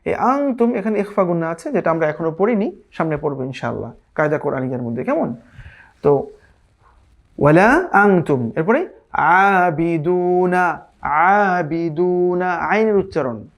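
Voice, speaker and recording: A man teaching a Quran recitation class, explaining pronunciation patiently and reciting verses slowly, checking in with his listeners. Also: fairly high pitch, very animated, gravelly. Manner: drawn-out Arabic recitation between plain explanations. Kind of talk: online recitation lesson.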